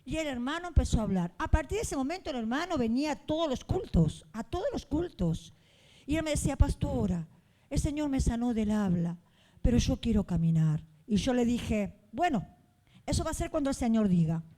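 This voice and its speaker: A woman's voice: sits high, lively intonation, a little fast, warm tone. A woman pastor, preaching a fervent sermon in a church and acting out the people in her stories.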